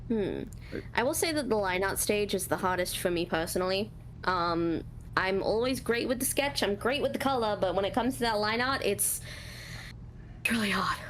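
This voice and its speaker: Here a high-voiced woman, a voice actor and artist, chats through a Q&A about her voice work and art, relaxed but hesitant, pausing often, saying um a lot and laughing at herself. There is slight background noise and the recording quality is low.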